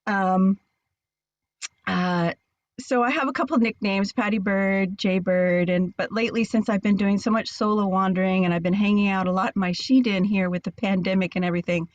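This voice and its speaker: A woman giving a casual talk over a video call from inside a camper van, nervous and halting with many fillers. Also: mid-range voice, fairly even intonation, dry recording. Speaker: guest speaker. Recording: dull dry video call audio.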